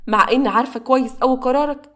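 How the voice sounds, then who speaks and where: A woman's voice: sits high, very fast, a bit bright. A woman with an Egyptian accent voicing a frightened, insistent young wife in a spoken story. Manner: fearful, insistent.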